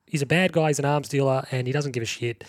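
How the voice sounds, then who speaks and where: A man co-hosting a podcast in casual chat, animated and laughing often as he acts out movie quotes. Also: medium pitch, fast talker, no echo, studio quality. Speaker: podcast co-host.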